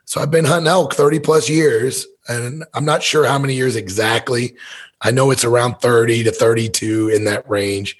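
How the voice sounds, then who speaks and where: In a moderate-paced, medium-pitched voice with fairly even intonation, a fifty-something Missourian guests on a podcast. He's an elk hunter who runs a business, and his casual storytelling is folksy, frank and meandering.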